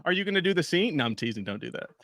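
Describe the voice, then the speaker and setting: Male guest, joking and self-deprecating banter, slightly high voice, dry close sound. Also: sing-song, very fast, a bit bright, no echo. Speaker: guest comedian. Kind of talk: casual banter.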